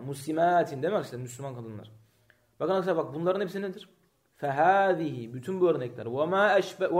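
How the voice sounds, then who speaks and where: A man's voice: a little high, a little mellow. A man teaching a grammar lesson, reading short Arabic lines and explaining them step by step while asking the class questions.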